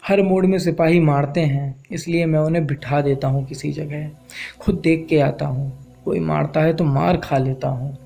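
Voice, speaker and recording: A man's voice: a little high, vocal fry, darkish tone. A man voicing an exhausted barefoot male migrant worker who speaks in a weary, pleading way in a spoken-word story.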